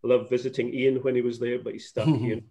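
A man's voice: medium pitch, little pitch movement, fast, mellow. A middle-aged man from Scotland, chatting as a guest over a video call from his home office, rambling with restarts. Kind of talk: casual video call interview. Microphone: laptop webcam video call. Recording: muffled video call audio.

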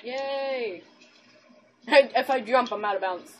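A woman's voice: a little high, unhurried, background noise. A woman giving playful, giggly commentary over her own gameplay, teasing her friends as she plays. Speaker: gaming channel host. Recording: constant mouse and keyboard clicking.

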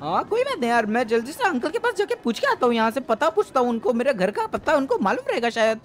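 A woman's voice: fairly high pitch, sing-song, fast talker, background noise. A woman voicing a cheeky, carefree five-year-old boy in a game role-play. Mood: teasing.

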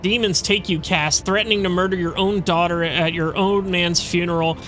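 A man's voice: high-pitched, steady tone, normal speed, fairly bright tone, soft background music. A man voicing a stern, solemn chaplain in a video game, speaking formally.

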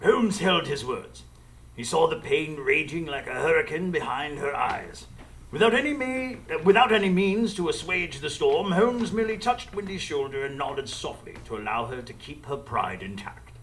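A man playing an earnest older gentleman doctor who narrates a live radio drama in the first person. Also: a little high, expressive, moderate pace, a little hiss or hum, poor audio. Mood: grave narration. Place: live stage before an audience.

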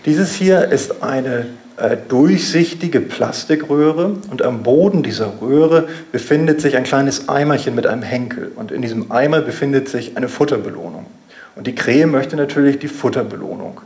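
Man lecturing in a medium-pitched voice. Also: moderate pace, darkish tone. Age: 30s. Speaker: scientist giving a lecture. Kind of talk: public lecture explaining a video. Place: lecture hall with seated audience.

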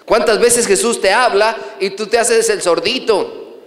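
Middle-aged priest preaching, questions the crowd; bright high voice, echoey room. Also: male voice, measured pace. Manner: storytelling, asks the audience questions. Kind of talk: sermon. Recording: echoey hall from a distance.

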